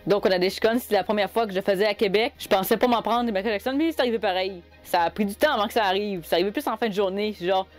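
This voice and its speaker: A woman's voice: medium pitch, faint music behind. A young woman with a Québécois French accent, telling cosplay stories to camera in a chatty, exasperated way. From Quebec. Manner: chatty, exasperated, quick asides. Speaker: cosplay vlogger. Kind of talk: casual storytelling to camera.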